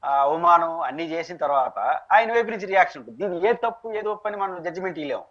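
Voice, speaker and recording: A man's voice: high-pitched, expressive, quick pace, fairly bright tone. A man with a Telugu accent answering as a political analyst in an interview, arguing his points with rhetorical questions. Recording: dull lo-fi recording.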